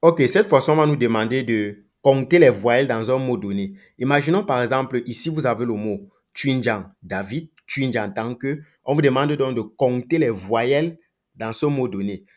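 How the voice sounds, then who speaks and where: A man's voice: medium pitch, moderate pace. A man teaching a coding tutorial, thinking aloud, asking himself rhetorical questions and repeating phrases as he goes. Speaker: programming tutor. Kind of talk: screen-recorded coding tutorial.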